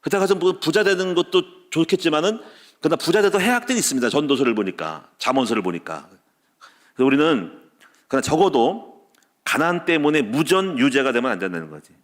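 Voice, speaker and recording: A man preaching a sermon as pastor, stacking short repeated clauses and telling personal stories, with loud peaks and quiet dropped endings. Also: on the high side, big pitch swings, a little fast. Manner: tells personal stories with laughter. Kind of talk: Wednesday service sermon.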